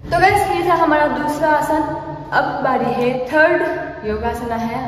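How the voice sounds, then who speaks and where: A woman's voice: high-pitched, measured pace, recorded from a distance. A woman in her twenties giving casual yoga instruction in a vlog, with the echo of a big empty room. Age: 20s. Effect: echo of a large empty room. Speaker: yoga vlogger demonstrating poses. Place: large sparsely furnished indoor hall. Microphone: phone or camera at arm's length or slightly further. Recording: echoey big room, background noise.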